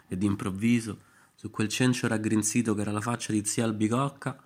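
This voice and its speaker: A male storyteller with a fairly low voice who narrates in a wry, deadpan way. His delivery is irreverent and unhurried. The lines come out in a dry, understated voice.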